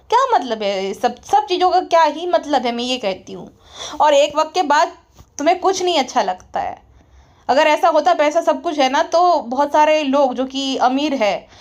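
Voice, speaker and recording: A woman doing a casual commentary vlog, blunt and scornful, lecturing her viewers. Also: high-pitched. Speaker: YouTube commentator.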